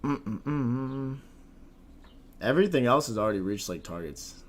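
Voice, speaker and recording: A young man trading forex on a live stream, talking casually in slang with a husky voice like a smoker's, often mumbling and trailing off. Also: sits low, lively intonation, a little slow.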